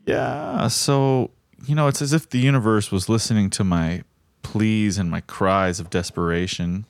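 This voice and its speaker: A man's voice: fairly low pitch, measured pace, clear, resonant tone, dry recording, clean studio sound. A man co-hosting a casual podcast from South Florida, rambling with fillers and restarts. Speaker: podcast co-host. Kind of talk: casual chat.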